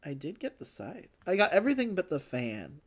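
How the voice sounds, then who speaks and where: A woman's voice: fairly low pitch, very animated, a little fast. A woman hosting a casual board game play-along, chatty and self-deprecating, thinking aloud as she goes. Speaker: host.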